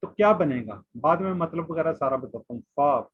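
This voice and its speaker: Guy teaching an online quran class, slightly high voice, husky, patient, repeats stuff a lot. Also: expressive, normal speed. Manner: patient, repetitive drilling, asks the class questions. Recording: muffled lo-fi online class audio.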